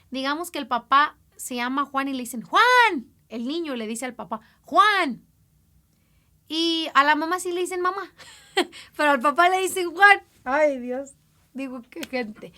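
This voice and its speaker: A woman with a high, bright, sharp-edged voice leads an informal Bible lesson. She talks to her listeners directly and often asks them rhetorical questions. She slows right down to stretch out the words she wants to stress. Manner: draws out words slowly for emphasis. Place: lives in an English-speaking country.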